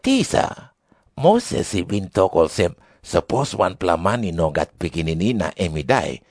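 A man's voice: sits low, big pitch swings, normal speed, a little mellow, no room sound, studio quality. A man with a Papua New Guinean accent playing someone posing a puzzle to a teacher in a scripture drama. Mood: challenging.

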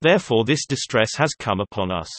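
A man reading the lines of anxious grown brothers pleading their case, in a measured, even delivery. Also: fairly low pitch, no room sound.

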